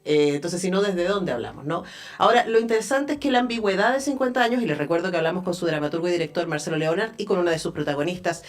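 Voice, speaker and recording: A woman's voice: lowish voice, lively intonation, fast. A woman with a Chilean accent hosting a radio interview in a studio, speaking conversationally and thinking aloud with small fillers. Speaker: radio host.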